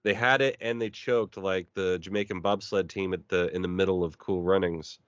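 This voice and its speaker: A man with a deep, low-pitched voice chats casually on a podcast, retelling events with animated energy and little acted-out quotes. The recording is dry and slightly dull. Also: moderate pace, clean tone, dry recording. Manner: animated storyteller who acts out quoted voices. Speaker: podcast co-host. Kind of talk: casual chat. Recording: dry, slightly muffled sound.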